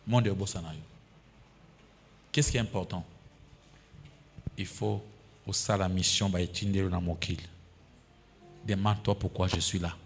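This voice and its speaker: A man's voice: low voice, fairly even intonation, unhurried, pauses often, faint music behind. A pastor in his fifties with a Congolese French accent, preaching a sermon that he punctuates with alleluias and amens and mixes with Lingala. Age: 50s.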